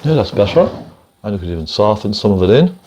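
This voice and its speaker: A man giving a casual step-by-step painting demonstration as a gentle, encouraging instructor, thinking aloud in an unhurried way as he works. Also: on the low side, sing-song, lo-fi sound.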